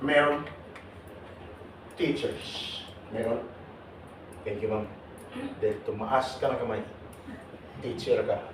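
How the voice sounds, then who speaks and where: A man leading a seminar for overseas workers, teasing and questioning the audience in a lively way. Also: medium pitch, slow pace, pauses often. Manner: teasing, jokey, calls on audience members. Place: large hall with audience. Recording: echoey hall, voice from far off, noisy.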